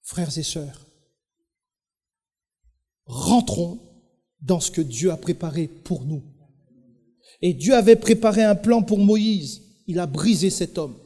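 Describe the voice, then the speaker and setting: High-voiced Caribbean preacher in a hall. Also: male voice, slow, pauses often, warm tone. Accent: French Caribbean. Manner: emphatic, storytelling, addresses the congregation. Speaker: pastor. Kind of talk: sermon. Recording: long hall reverb.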